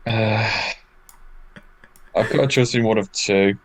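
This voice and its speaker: A man playing an online party game, relaxed and thinking aloud with dry humor. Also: on the low side, slow, rough recording. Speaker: game player. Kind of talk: casual game chat.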